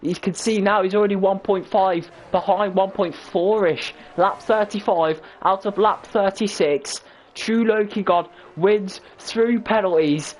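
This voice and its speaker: A young man giving excitable, breathless live play-by-play for a sim-racing stream, his voice prone to cracking. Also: sits high, unhurried, a little hiss or hum, low-quality recording. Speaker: race commentator.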